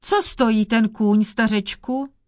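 A woman's voice: fairly high pitch, fairly even intonation, darkish tone, dry recording, studio quality, lightly acted. A woman voicing a grumpy, cunning male sorcerer in a fairy tale read aloud. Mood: bargaining. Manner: sulky, scheming.

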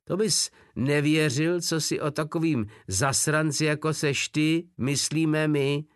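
A man voicing a loud, crude male soldier who jeers and shouts his threats in a raised, coarse voice. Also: on the high side, expressive, vocal fry, dry recording, studio quality, voice pushed up. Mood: jeering.

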